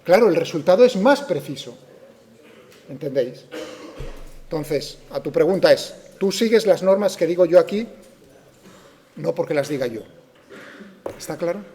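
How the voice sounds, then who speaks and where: A male physics teacher with a Spain Spanish accent lectures animatedly at a moderate pace, pausing often, his voice slightly high and mellow. He poses the objections students could raise, addresses them, and keeps checking whether everyone follows.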